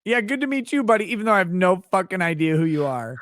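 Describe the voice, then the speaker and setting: Guy hosting a stream reading chat, crude jokes, kinda high voice, dry close sound. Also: sing-song, quick pace, fairly bright tone, no room sound. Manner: crude, joking, reads chat messages aloud. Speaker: livestream host reading chat. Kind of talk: casual livestream chat.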